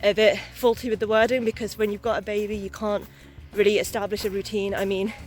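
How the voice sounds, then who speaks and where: A woman's voice: mid-range voice, level tone, fast, soft background music. A young adult woman chatting candidly and in a rambling way for a casual vlog while out walking outdoors. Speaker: vlogger, new mother. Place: outdoors on a walk.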